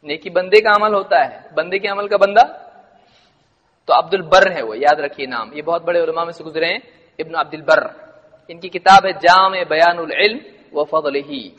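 A man gives a religious lesson to a gathered crowd, his voice sitting high and ringing out with a long reverb tail from a big hall. He keeps asking the audience questions and then answering them himself. He breaks down the meaning of words patiently, one step at a time. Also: fairly bright tone, muffled recording. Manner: explains word meanings step by step. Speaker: religious teacher.

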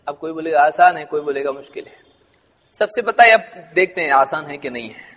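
Male religious teacher, high voice, long hall echo, quizzes the room with rhetorical questions, unpacks word meanings one at a time. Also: a bit bright, lo-fi sound. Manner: asks the audience rhetorical questions and answers them; explains word meanings step by step. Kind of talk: hadith lesson to a gathered audience.

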